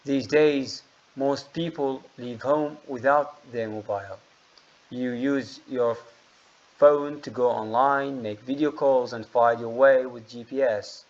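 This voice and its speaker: A man's voice: medium pitch, fairly even intonation, slow, darkish tone, dull audio. Man teaching English online. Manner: explains grammar rules patiently, calls on students by name. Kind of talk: online class teaching, mixing Arabic and English. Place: online classroom session.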